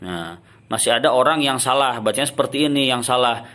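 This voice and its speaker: A man teaching Quran recitation, explaining common mistakes and then chanting verses in a slow, drawn-out way. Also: mid-range voice. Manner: ends points with soft drops "ya", "nah".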